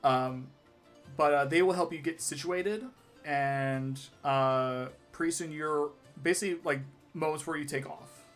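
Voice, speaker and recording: A man's voice: fairly high pitch, measured pace. A man narrating a tabletop role-playing game as game master in a casual, conversational, improvised way. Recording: faint music behind the voice.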